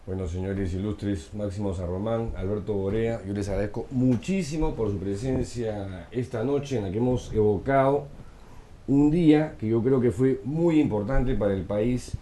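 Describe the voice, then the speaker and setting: A man hosting a live-streamed interview, talking calmly and dropping in short affirming replies. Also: on the low side, normal speed. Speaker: host. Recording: roomy live-stream audio with faint noise.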